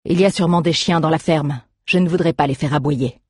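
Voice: mid-range voice, fairly quick, darkish tone, breathy edge, no echo, studio quality, lightly acted. A storyteller voicing a cautious adult soldier captain who speaks tersely.

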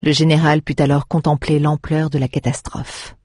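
A husky, slightly breathy narrator reads an adventure story with a steady, dramatic pace. The sound is dry and close, with no room around it. Scripted storybook reading. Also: medium pitch, normal speed, no echo. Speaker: audiobook narrator.

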